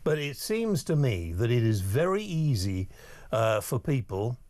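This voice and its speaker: A man hosting a live late-night talk radio show with smooth host patter, bringing callers on air and chatting with his co-host. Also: medium pitch, big pitch swings, unhurried, darkish tone, no room sound. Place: radio studio. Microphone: studio microphone.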